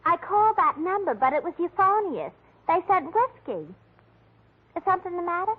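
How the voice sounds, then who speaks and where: A woman's voice: very high voice, sing-song, normal speed. A woman playing a scatterbrained, flustered secretary who puts on prim airs and mangles big words, in a 1940s radio comedy style. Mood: eager, dithering. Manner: affected, malapropism-prone. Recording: muffled, band-limited 1940s radio recording.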